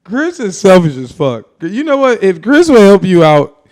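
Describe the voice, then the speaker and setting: Animated young man telling stories. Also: high-pitched, normal speed, dry recording. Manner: loud, animated storyteller, swears freely. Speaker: podcast co-host. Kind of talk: casual podcast banter.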